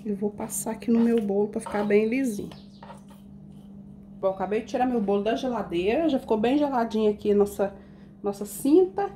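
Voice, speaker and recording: With a warm, fairly high voice and a fairly quick delivery, a woman leads a casual baking tutorial amid slight background noise. She decorates a cake in her home kitchen, explaining every step and chatting with viewers she addresses as "gente."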